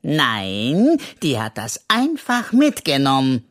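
A reader voicing an excitable, boastful little male raccoon in a children's audiobook, with a hissing, conspiratorial manner. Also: mid-range voice, slow. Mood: excited. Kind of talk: children's audiobook role reading.

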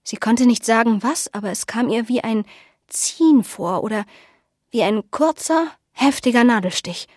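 A woman narrating an audiobook in a measured, even storytelling manner. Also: on the high side, dry recording, clean studio sound.

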